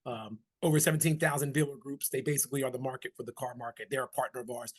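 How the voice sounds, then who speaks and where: A man's voice: mid-range voice, steady tone, fast. A middle-aged man, giving an upbeat, folksy webinar presentation. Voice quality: raspy.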